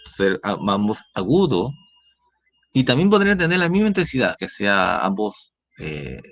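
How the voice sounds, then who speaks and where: A man with a Chilean accent, a science teacher explaining a lesson and often checking in with tag questions. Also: lowish voice. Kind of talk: recorded class lecture.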